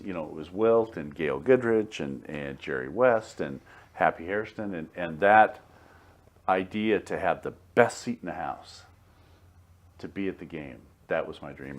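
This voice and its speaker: Low-voiced man in his sixties telling stories. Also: normal speed. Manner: relaxed storyteller, chuckles through anecdotes. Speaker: guest, former TV news director. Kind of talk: casual interview chat.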